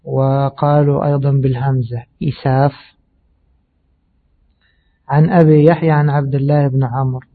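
A man giving a measured religious lesson on hadith, explaining slowly and pausing with fillers. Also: medium pitch, flat delivery. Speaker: hadith teacher. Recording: tinny phone-like audio.

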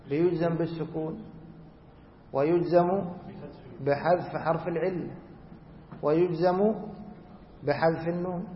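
A man teaching a grammar lesson who asks the class questions, answers them himself, and repeats key rules slowly. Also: on the high side, slight background noise. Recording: echoey hall, dull lo-fi sound.

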